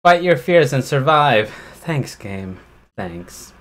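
A man's voice: medium pitch, sing-song, slow, a bit bright. A man streaming a horror game live, talking to himself and cursing in panic as he plays. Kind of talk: live gameplay commentary.

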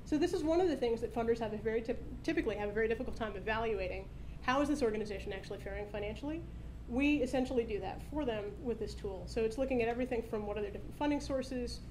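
A woman in her thirties giving a live product demo from a podium at a tech meetup, explaining in a brisk, upbeat way. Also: on the high side, a little mellow, a little hiss or hum, rough recording. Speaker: startup founder presenting a product demo. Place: conference stage at a meetup, indoors. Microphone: podium microphone.

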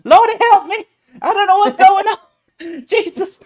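A man voicing a frazzled, panicking halfling woman who shrieks breathless exclamations in a very high, loud voice. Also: unhurried. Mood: panicked.

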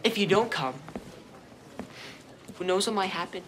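A man's voice: sits high, measured pace, background noise. A teenage male actor playing a pushy, defensive schoolboy with a persuasive manner in a TV comedy. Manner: persuasive, animated. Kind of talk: TV teen comedy acting. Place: indoor film set.

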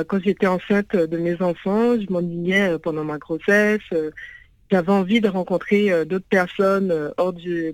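A founder of a parents' venue joins a phone interview as a guest, her lowish, slightly mellow voice coming through a dry, low-quality call. English is her first language, and she hesitates often, leaning on plenty of fillers.

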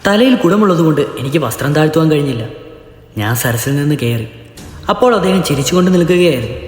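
A man voicing a frightened young servant woman who tells in a trembling, soft-spoken way what happened, in a storybook reading. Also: a little high, animated, quick pace, natural voice. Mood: shaken. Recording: echoey narration with long reverb.

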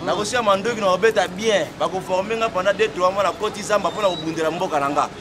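Standing by a doorway on a street, a man from the Democratic Republic of the Congo emphatically insists on his opinion in a street interview. He speaks quickly in a high voice into a small wired lapel mic held near his mouth, with loud traffic and crowd noise around him.

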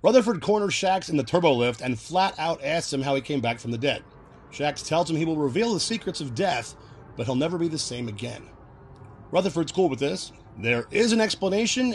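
A man hosting a casual recap video, chatty and quick to laugh as he explains references. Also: a little high, slight background noise. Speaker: video host.

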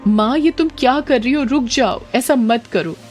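A woman's voice: medium pitch, fairly quick, darkish tone, natural voice. A woman voicing Amodita, a young woman who firmly stands up to her witch mother, over faint music. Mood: firm, pleading. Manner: firm, insistent. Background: faint background music.

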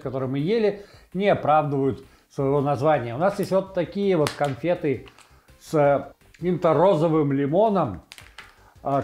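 Man casually reviewing food, halting delivery. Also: fairly high pitch, darkish tone, slight background noise. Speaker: host of a food tasting video. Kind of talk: casual tasting commentary. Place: indoor home kitchen. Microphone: lavalier clipped to T-shirt.

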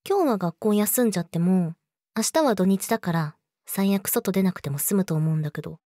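A woman's voice: medium pitch, animated, fairly quick, warm tone, no echo, studio quality, close to an everyday voice. A woman playing a young, clingy yandere girlfriend in an intimate audio drama, sweet and eerily obsessive, coaxing the listener. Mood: possessive, pleading.

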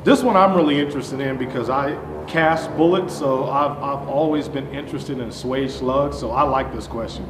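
A man's voice: mid-range voice, moderate pace, hardly any pauses. A middle-aged man, the host, reads out numbered interview questions in an upbeat way in a large warehouse. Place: large warehouse with shelving, indoors. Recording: echoey warehouse with faint noise.

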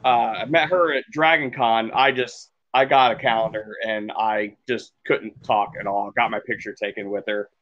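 A man's voice: fairly low pitch, normal speed, hardly any pauses, muffled recording. A man co-hosting a casual podcast, telling rambling stories about meeting people and acting out the quotes. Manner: rambling storyteller, animated when acting out quotes. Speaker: podcast co-host. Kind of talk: casual chat.

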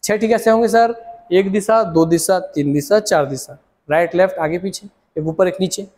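A young man with a Chhattisgarhi accent giving an animated exam coaching lesson, repeating words and using memory tricks. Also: high-pitched, normal speed, big-room sound. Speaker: teacher.

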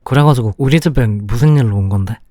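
A young man playing a sulky, clingy boyfriend in a whispered role-play, speaking softly and pouting close to the mic. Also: medium pitch, dry recording, natural voice. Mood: pouty, affectionate. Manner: slow, soft, close-up ASMR delivery with pouty complaints.

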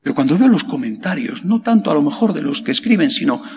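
Speaking sing-song in a darkish tone, a middle-aged priest from Spain delivers a slow, emphatic sermon full of rhetorical questions and pitch leaps on key words. He uses a lectern stand mic in a large chapel, where long hall reverb and a faint hiss are audible.

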